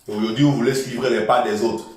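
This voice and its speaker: A man's voice: medium pitch, steady tone, fairly quick, a little mellow, far from the mic. Passionate man lecturing in an echoey room. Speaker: political commentator. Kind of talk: impassioned political monologue.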